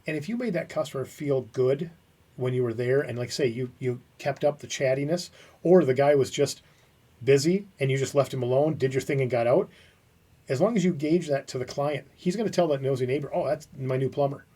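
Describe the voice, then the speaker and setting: A man co-hosting a podcast, telling lively stories in a casual chat. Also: medium pitch, fairly quick, far from the mic. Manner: animated storyteller who acts out quotes.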